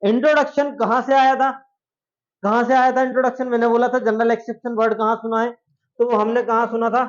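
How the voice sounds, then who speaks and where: A man's voice: very high-pitched, flat delivery, brisk. A male law teacher giving a classroom lecture, chatty and jokey, often asking his students questions. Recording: dull lo-fi classroom recording.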